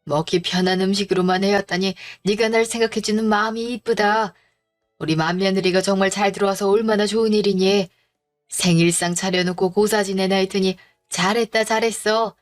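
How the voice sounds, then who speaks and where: 여성이 연기하는 호통치는 깐깐한 시아버지. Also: female voice, mid-range voice, fairly even intonation, fairly quick, soft background music, lightly acted. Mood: pleased. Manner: gruff scolding. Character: stern grumpy older father-in-law.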